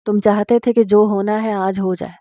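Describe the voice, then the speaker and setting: A woman reading the part of a shy, anxious married noblewoman, speaking softly and teasingly. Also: medium pitch, steady tone, dry recording, clean studio sound, lightly acted. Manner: soft, hushed and teasing. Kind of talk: dramatic audiobook reading.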